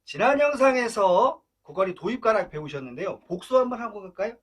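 High-voiced man teaching Korean drumming. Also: expressive, a little fast, slightly rough. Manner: counts beats aloud and chants drum syllables between explanations; coaxing, encouraging learners to breathe and not rush. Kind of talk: step-by-step instrument lesson. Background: drum playing.

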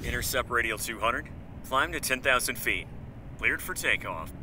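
A man playing a calm pilot on cockpit radio. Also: medium pitch, normal speed. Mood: businesslike. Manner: clipped, formal radio readbacks. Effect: radio transmission from a cockpit headset. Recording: distant, noisy cockpit radio audio.

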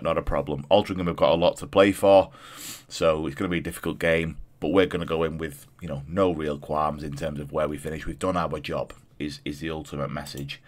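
Hosting a gameplay video, a thirtysomething man talks casually in a low, throaty voice stuffed up by a cold. He tends to repeat phrases to emphasize them.

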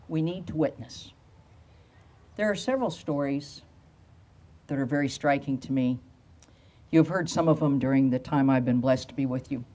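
A woman's voice: low voice, mellow. Older woman preaching a storytelling sermon. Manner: storytelling sermon with slowed emphatic phrases. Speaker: pastor. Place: outdoor amphitheater at a lectern. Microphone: handheld microphone.

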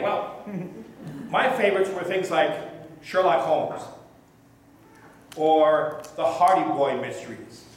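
A middle-aged male pastor telling a children's sermon story slowly and gently to puppets, at a lectern in a small church. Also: a little high, a little hiss or hum. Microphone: fixed camera a few feet away, lectern mic. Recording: echoey church from some distance.

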